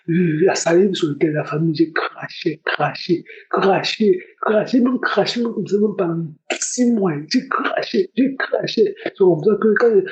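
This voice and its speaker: A man's voice: sits high, darkish tone, highs cut off. A young man giving a spoken religious testimony, earnest and repeating his words often. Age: young adult. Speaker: testimony giver.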